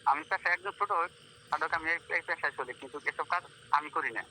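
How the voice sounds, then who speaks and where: His voice on the high side, pushed and bright, a Bangladeshi-accented local journalist talks quickly on a phone call carrying faint noise. He earnestly and insistently defends himself, repeatedly calling the listener brother.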